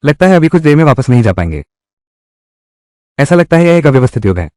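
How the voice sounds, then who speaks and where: A man dubbing a drama, voicing a young office worker thrown back into ancient times, with expressive, quick-shifting delivery. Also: a little high, no room sound, clean studio sound. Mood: reflective. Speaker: dub actor. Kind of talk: Hindi dub of a Chinese drama.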